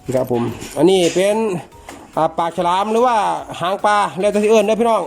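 Chatty Isan-accented man, somewhat high voice. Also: expressive, quick pace, faint music behind. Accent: Isan (Northeastern Thai). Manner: chatty, joking, talks to viewers as brothers and sisters. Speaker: chainsaw repairman and reviewer. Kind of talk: casual product unboxing review.

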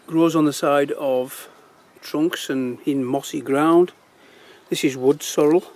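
The speaker is a middle-aged forager chatting casually in woodland as he digs and points things out, recorded on a handheld phone. His darkish voice runs on the high side, slow and fairly even in intonation.

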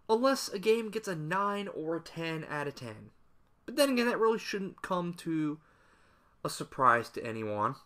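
His voice is fairly high, pushed and bright. A young gaming creator, he talks to camera in a casual opinion rant that's sarcastic, rambling and peppered with asides.

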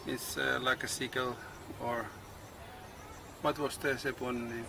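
A middle-aged man, not a native English speaker, vlogging outdoors on a tropical farm. His English is halting, with many pauses and uh's, and the camera is held at arm's length. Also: mid-range voice, level tone, vocal fry, noisy background. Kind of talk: casual vlog narration. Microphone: handheld camera selfie and tripod camera.

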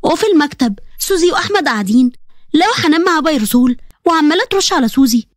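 A woman with an Egyptian accent narrating an animated story in a brisk, plain way. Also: sits high, dry recording, clean studio sound.

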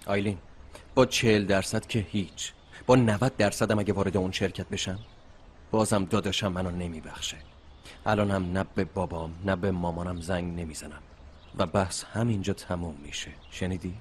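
A man's voice: deep voice, steady tone, a little hiss or hum, lightly acted. A man dubbing a weary young man who refuses to involve his family. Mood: stubborn. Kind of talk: Persian dubbing of a TV series.

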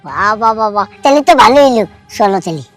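A woman's voice: medium pitch, very animated, faint music behind, close to an everyday voice. A woman acting a brash young man who wheedles and presses impatiently, in a comedy play. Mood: pushy. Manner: wheedling, impatient, drawn-out "aha".

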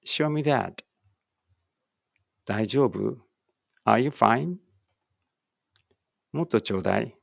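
Very slow gravelly male teacher. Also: mid-range voice, animated, no room sound, clean studio sound. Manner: reads each Japanese phrase, then its English, with slow deliberate pauses. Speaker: English teacher. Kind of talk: slow read-aloud drill of Japanese and English phrases.

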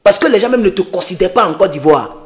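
High-pitched Ivorian man ranting scornfully. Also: lively intonation, fast. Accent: Ivorian French. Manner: taunting, scornful, repetitive. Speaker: online political activist. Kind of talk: late-night livestream rant.

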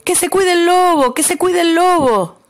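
A woman voicing an excited little red bug that shouts in a children's story. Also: very high voice, normal speed, pitched above the performer's own voice. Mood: excited shouting.

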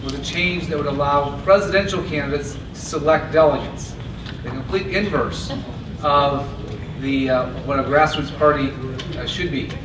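A man giving a steady, earnest convention stump speech at a podium microphone. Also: a little high, moderate pace. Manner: earnest, steady delivery with occasional restarts. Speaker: party chair candidate. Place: large convention hall, indoors. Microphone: podium mic on stand. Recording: echoey hall from a far camera with noise.

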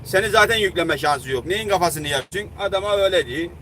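A man's voice: sits high, expressive, fast, sharp tone. A man in his thirties, a long-haul truck driver, telling an angry story in a casual vlog, heated and indignant, acting out both sides of a quarrel. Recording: noisy roadside traffic. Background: vehicles and outdoor traffic.

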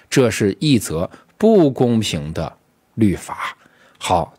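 Husky-voiced man teaching English words. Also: medium pitch. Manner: explains step by step, addresses students directly, repeats words slowly. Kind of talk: classroom-style vocabulary lesson.

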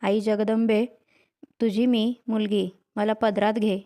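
A woman's voice: medium pitch, flat delivery, takes it slowly, dark tone, natural voice. A woman reading the earnest, imploring prayer of a devout mother. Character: devout young mother praying for her husband.

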